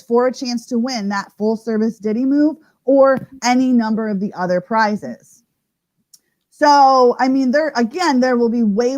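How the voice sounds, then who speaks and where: A woman hosting a live stream and announcing a contest with lots of energy, hyping it up with slang and laughs. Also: a little high. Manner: energetic, hype-building, laughs often; slang-heavy, says "like" a lot. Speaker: host.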